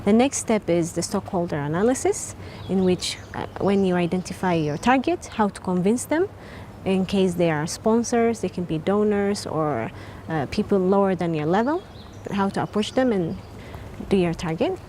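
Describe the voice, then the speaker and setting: A woman from Eritrea, a scientist, explaining what she learned in a workshop, thoughtfully and with pauses. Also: mid-range voice, expressive, warm tone, slight background noise. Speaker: scientist in training. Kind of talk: interview testimonial.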